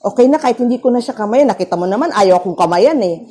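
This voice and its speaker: A woman with a Filipino accent preaching a devotional at a prayer meeting, telling stories with lively rises and drops. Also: on the high side, quick pace, slightly rough. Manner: animated storytelling with sudden rises and drops. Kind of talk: devotional sermon.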